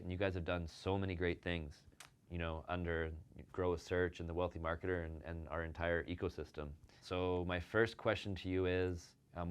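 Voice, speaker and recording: A show host who also owns an agency interviews a guest casually, heaping praise on them and using lots of fillers. His voice is low, clear and resonant.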